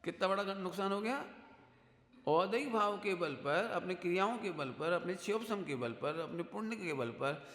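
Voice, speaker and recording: Male preacher, high voice, conversational, rhetorical questions, long hall echo. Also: expressive, moderate pace, a bit bright. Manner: conversational teaching, rhetorical questions, mimics listeners. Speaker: Jain scholar giving a discourse. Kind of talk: religious discourse. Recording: echoey hall sound.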